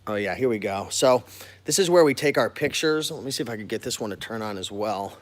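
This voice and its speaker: An American online reseller and business owner leads a casual walk-through vlog of his warehouse, talking informally and directly to viewers. His voice is on the low side, animated and brisk.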